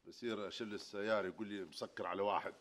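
A man playing the boastful comic lead of a sitcom, quick to rant. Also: lowish voice, fairly even intonation, fairly bright tone. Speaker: comedy lead. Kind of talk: sitcom acting.

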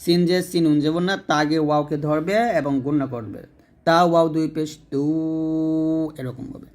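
Male recitation teacher, slightly high voice, patient letter-by-letter explanations and slow drawn-out recitation. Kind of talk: Quran recitation lesson.

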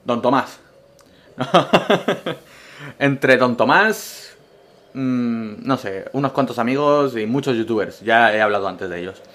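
A man's voice: medium pitch, expressive, slow. A man from Spain, a gaming YouTuber, answering viewer questions in a casual vlog with absurd jokes and a Spanish accent. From Castellón, Spain. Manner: joking, absurd humor, swings between loud bursts and mumbled asides.

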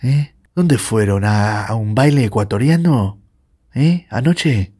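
A Uruguayan man with a Rioplatense accent, reacting live to a football match with excitable, swearing rants. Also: medium pitch, slow pace, breathy edge. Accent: Rioplatense Spanish. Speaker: football fan reacting on his channel.

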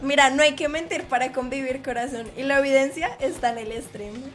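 Playful high-voiced woman streamer. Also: brisk, fairly bright tone. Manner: playful, teasing, chatty with viewers. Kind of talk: live game stream chat.

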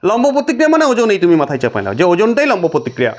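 A middle-aged male teacher talks fast and pitched high. He works through exam problems and keeps asking his students questions. He answers each one himself before moving on. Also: wildly swooping pitch. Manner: explains with rhetorical questions to students. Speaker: physics teacher. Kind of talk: classroom lecture.

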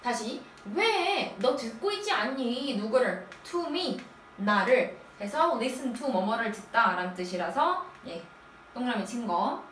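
Woman English teacher, slow and deliberate, quizzes and then answers; recorded off-mic in a roomy space. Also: a little high, big pitch swings, fairly bright tone, recorded from a distance, slight background noise. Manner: asks quick questions and answers them herself, drilling step by step. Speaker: middle school English teacher. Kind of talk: recorded lecture. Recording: echoey room, voice off-mic.

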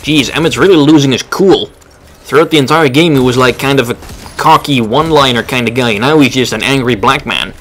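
A man's voice: medium pitch, a little fast, a bit bright, a little hiss or hum. A man giving casual, wry commentary as he plays a video game. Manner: offhand, wry. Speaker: let's play commentator. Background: game music.

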